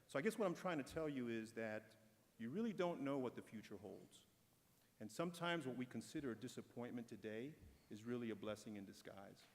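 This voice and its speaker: Speaking at an ordinary pitch with lively intonation, a man from the corporate side delivers a prepared, measured and encouraging awards-ceremony speech. Each phrase trails off into a long reverb that fills the big hall.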